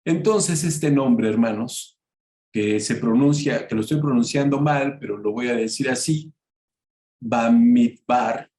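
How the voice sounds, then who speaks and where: A man teaching a Bible study lesson, calling his listeners brothers and often pausing on "este". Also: mid-range voice, a little mellow, echoey room. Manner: slow and unhurried, many filler "este", addresses listeners as brothers.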